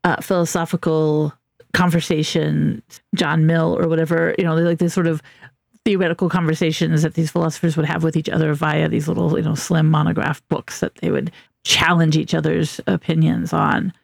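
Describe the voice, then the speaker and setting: Co-host with a gravelly, fry-tinged voice, thinking out loud. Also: mid-range voice, little pitch movement, normal speed, dry recording, studio quality. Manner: musing, uses "you know" often. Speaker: podcast co-host. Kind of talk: casual podcast discussion.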